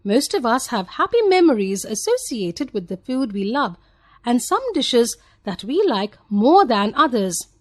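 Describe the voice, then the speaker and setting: A woman with an Indian English accent reading a textbook story aloud in a clear, expressive, measured way. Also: a little high, no room sound. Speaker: textbook audio narrator.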